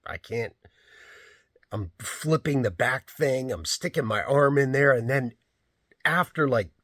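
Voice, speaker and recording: Unhurried man with a husky, lowish voice, rambling storyteller for a vlog. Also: animated, a bit bright, no echo, studio quality. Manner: rambling, fills with "like" and "you know". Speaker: rideshare driver.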